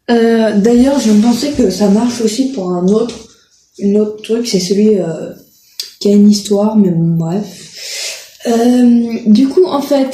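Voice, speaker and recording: A woman talking slowly and casually to her viewers, stopping often to hunt for words and correct herself. Her voice is mellow and soft, and a roomy echo sits around it. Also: medium pitch. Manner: hesitant, full of filler sounds and self-corrections. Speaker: video creator. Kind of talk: casual chat presenting riding-school horses.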